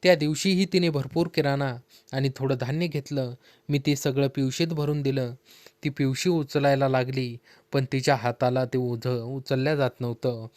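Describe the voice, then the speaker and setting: A man narrates a heartfelt story in the first person, calm and steady, at a middle pitch. The voice sounds dry and close, with no room around it. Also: normal speed, no echo.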